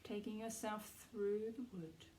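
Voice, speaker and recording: Leading a guided meditation, this woman speaks in a mid-range, steady voice, soothing and reassuring. Her instructions are soft and unhurried, with pauses between phrases, and there's slight background noise.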